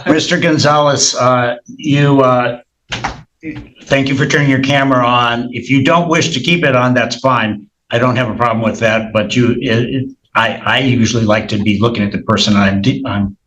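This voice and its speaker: A man speaking as a judge in court, firm but halting, often repeating himself. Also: mid-range voice, fairly bright tone, rough recording. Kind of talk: courtroom proceedings.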